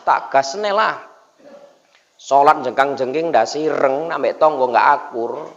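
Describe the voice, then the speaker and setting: A man's voice: mid-range voice, takes it slowly, gravelly, in a large hall. A man preaching a humorous dawn sermon, teasing the congregation and constantly addressing them as "Pak". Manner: jokey, teasing the congregation, frequent "Pak" asides. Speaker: Islamic preacher. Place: mosque gathering. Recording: dull lo-fi recording.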